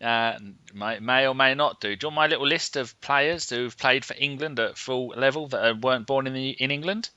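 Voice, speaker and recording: A man's voice: medium pitch, fairly quick, few pauses, bright, forceful tone, clean tone, dry recording. A man co-hosting a casual football podcast, reeling off player facts in a matter-of-fact way. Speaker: podcast co-host. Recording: dull lo-fi sound, dry.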